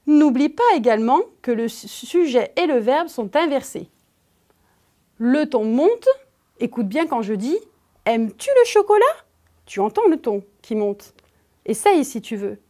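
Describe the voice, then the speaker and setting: A French woman gives a grammar lesson to a child, talking straight to the pupil. Her voice sits high and moves a great deal, and she speaks slowly. She leans hard on the important words. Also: lively intonation, warm tone. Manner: slow, emphatic, addresses the pupil directly. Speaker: teacher.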